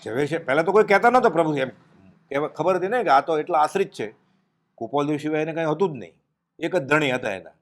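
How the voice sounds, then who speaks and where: A man's voice: lively intonation, quick pace. Man giving a devotional discourse. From Gujarat, India. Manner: storytelling, mixing in English words, voice dropping low and quiet for solemn moments. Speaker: spiritual speaker giving a discourse.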